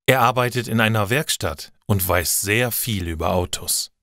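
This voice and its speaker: Clear, slow male story reader. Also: lowish voice, sharp tone, no echo, studio quality. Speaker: narrator. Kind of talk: scripted narration for language learners.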